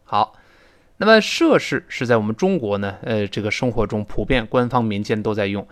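Lively male English teacher. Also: on the low side, moderate pace. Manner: explains words, spells them, models pronunciation. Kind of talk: spoken English lesson.

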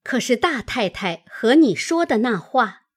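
A defiant young maid with a high, breathy voice that swings wide as she lashes out, as a woman reader puts her on. She scolds in sharp, heated bursts, proud and unwilling to give an inch, in a storybook reading. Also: big pitch swings, measured pace, exaggerated voice. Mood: indignant.

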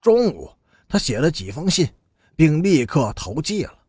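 Man, audiobook narrator, husky, very lively intonation, close dry recording. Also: on the high side, a little slow, dry recording. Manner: steady storytelling with expressive rises and falls.

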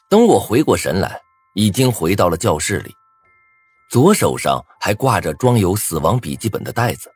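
A man's voice: lowish voice, slightly rough. A man narrating a first-person thriller story with a dramatic, swinging delivery.

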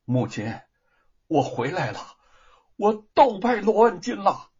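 A man's voice: high-pitched, big pitch swings, slow, darkish tone, slightly rough, highs cut off, pitched above the performer's own voice, heavily acted. A man voicing a young scholar son in a spoken storybook, earnest and humble.

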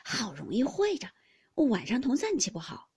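A woman's voice: a little high, huge pitch swings, moderate pace, a little mellow, slightly rough, heavily acted. A woman voicing an emotional, sheltered young nobleman who speaks earnestly and pleadingly.

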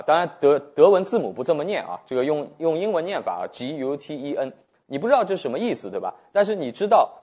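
A man's voice: medium pitch, a little mellow, breathy edge. A man lecturing as a teacher, filling his talk with frequent fillers and restarts. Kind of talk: spoken lecture.

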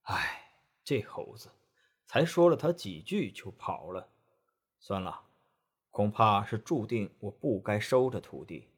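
A man voicing a gentle, preachy male Buddhist monk in a storybook tale, speaking slowly and softly. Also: mid-range voice, lively intonation. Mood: weary. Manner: slow, soft, reproachful.

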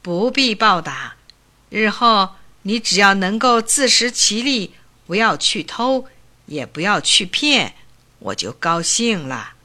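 A woman voicing a kindly old male doctor who speaks gently and patiently. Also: mid-range voice, very animated, slow pace, exaggerated voice. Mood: gentle.

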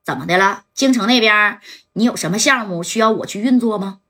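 A woman voicing a gruff gangster underling, who is eager to please and agrees fast. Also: medium pitch, bright, forceful tone.

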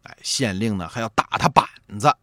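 A man telling a traditional folk tale in a lively, animated storytelling manner with drawn-out interjections. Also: on the low side, no echo, clean studio sound.

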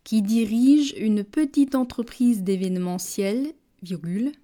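Slow, deliberate woman reading a dictation. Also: warm tone. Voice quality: measured, deliberate, dropping low on punctuation words. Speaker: dictation reader. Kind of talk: slow French dictation, each phrase read twice with punctuation spoken.

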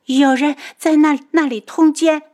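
A woman's voice: high voice, fairly even intonation, a little slow, warm tone, voice pushed up. A woman voicing a frightened young palace maid who stammers and cries out shrilly. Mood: panicked.

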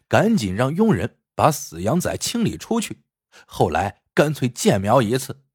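A man tells a folk tale with a husky voice and lively, wide-ranging intonation. The recording is dry and close, with no room sound. His delivery is expressive, in the manner of a traditional storyteller. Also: medium pitch, no echo.

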